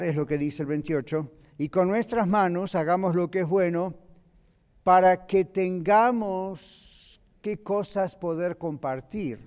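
A male pastor, teaching a Bible lesson in a church classroom, asking his class questions and explaining slowly. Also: high-pitched, a little mellow. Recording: long reverb of a hall.

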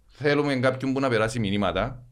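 A man with a Cypriot Greek accent chatting casually as a guest on a podcast. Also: medium pitch. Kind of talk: casual chat.

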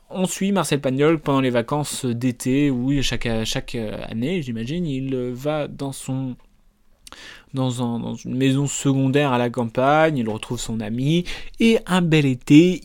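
A man's voice: on the high side, darkish tone. A man, reviewing films in a casual, rambling way with many fillers and restarts. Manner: rambling, hesitant, with many fillers and self-corrections. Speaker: film reviewer.

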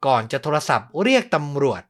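A man's voice: mid-range voice, big pitch swings, fairly quick, a bit bright. A man hosting a podcast, telling a true-crime story in a conversational way and adding his own comments.

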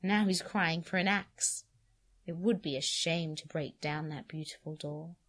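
Expressive low-voiced woman reading aloud. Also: a little slow. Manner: expressive, shifting from hushed to cries. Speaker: podcast host and reader. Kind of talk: dramatic reading of a story.

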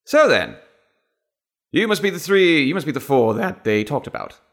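A man's voice: a little high, sing-song, moderate pace, a bit bright, voice pushed up. A man voicing a posh, formal British diplomat with a put-on upper-class British accent, clipped and courteous.

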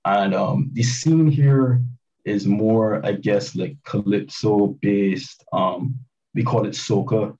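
A hip hop producer from Barbados in his late twenties chats casually as an interview guest. His low-side voice is mellow and unhurried, and he's hesitant with many fillers and restarts. The call audio is dull, distant and lo-fi.

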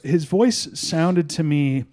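A man's voice: a little high, animated, slow, mellow. Profane man telling rambling stories. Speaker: podcast co-host. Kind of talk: casual chat.

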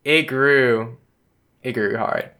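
A young man chatting on a relaxed podcast, easygoing and a little hesitant, peppering his talk with slang. His voice sits mid-range with a bright, sharp edge. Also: medium pitch, takes it slowly. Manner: laid-back and hesitant, with slang. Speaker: podcast co-host. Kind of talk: casual chat about anime.

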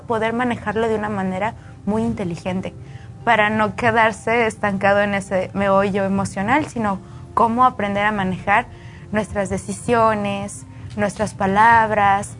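A woman talking on a radio health program, telling stories in an animated way. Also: medium pitch, slight background noise. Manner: animated storyteller.

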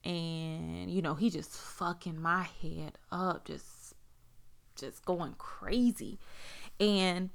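This woman's lowish, creaky voice stays steady, and she draws out her words while telling a personal experience. Her style is casual and blunt, with heavy swearing, frequent fillers, and dialogue acted out in raised voices.

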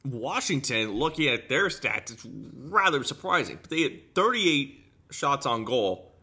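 A man giving unscripted hockey game analysis as a podcast host, halting and repeating himself as he searches for words. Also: medium pitch, sing-song, bright, forceful tone, slightly rough.

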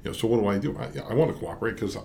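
A middle-aged man with a somewhat low voice recounts his business experiences with emphasis and quoted dialogue. A faint hum of room ambience sits behind him. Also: animated, rapid-fire, vocal fry, darkish tone. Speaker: small business owner, guest. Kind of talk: conversational storytelling.

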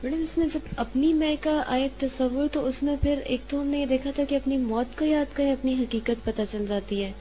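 A woman's voice: high-pitched, fairly even intonation, few pauses, mellow. A woman student answering her teacher in class, earnestly recalling earlier lessons.

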